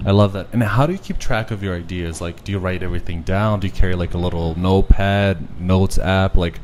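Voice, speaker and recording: Fast-talking low-voiced male host. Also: a little mellow, slight background noise. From Brazil. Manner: laid-back, lots of yeahs and likes. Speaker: podcast host. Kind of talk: casual interview.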